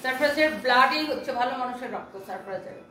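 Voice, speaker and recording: A woman's voice: sits high, lively intonation, quick pace, bright, forceful tone, soft background music. A woman hosting a live sales stream, reading viewer comments aloud in an enthusiastic, chatty patter. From Bangladesh. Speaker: online saree seller hosting a live stream. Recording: roomy echo.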